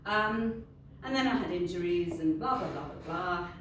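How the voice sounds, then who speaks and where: With a lowish, expressive voice at normal speed, a Welsh-speaking middle-aged woman from Wales addresses a group informally and without a script, in a friendly tone, as part of an industry panel. The recording is very echoey, the mic distant, and there's surrounding ambient noise.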